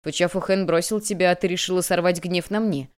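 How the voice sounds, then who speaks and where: A woman voicing a young male eunuch who speaks calmly, coldly and mockingly. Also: on the low side, fairly quick, clear, resonant tone, lightly acted. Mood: cold taunting. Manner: calm, cold, taunting.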